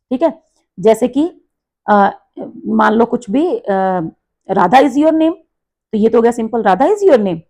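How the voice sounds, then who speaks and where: A woman teacher explaining an English lesson in Hindi, reading example sentences slowly with marked stress and intonation. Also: mid-range voice, mellow.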